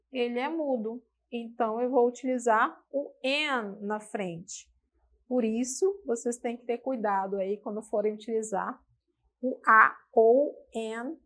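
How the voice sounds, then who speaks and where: A woman with a Brazilian Portuguese accent giving a televised English lesson, slowly repeating example words and checking in with her students. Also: a little high, fairly bright tone. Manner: slow, patient, repeats example words aloud; checks in with tag questions. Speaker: English teacher.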